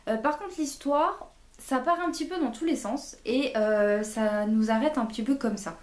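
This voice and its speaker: A woman's voice: a little high, normal speed, a little mellow, roomy sound. A woman chatting casually about books she bought, with many fillers and self-corrections. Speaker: book vlogger. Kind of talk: casual book haul chat.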